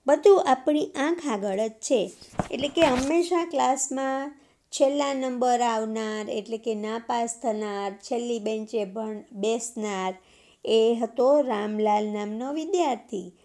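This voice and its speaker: A woman's voice: on the high side, measured pace, warm tone. A woman teacher explaining a textbook play to students, restating each point in simpler words.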